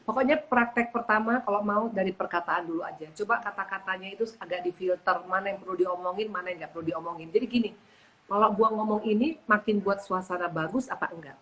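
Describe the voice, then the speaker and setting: Middle-aged woman giving church advice super fast, lots of acted-out quotes. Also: mid-range voice, a little hiss or hum, rough recording. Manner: lively, acts out quoted speech in varied tones. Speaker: women's ministry speaker.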